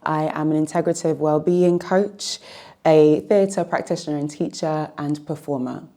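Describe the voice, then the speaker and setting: A woman's voice: deep voice, fairly even intonation, normal speed, warm tone. A woman in her forties, a guest on a panel, speaking thoughtfully and rephrasing her points as she searches for words. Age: 40s. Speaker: panel guest, well-being coach. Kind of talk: casual discussion.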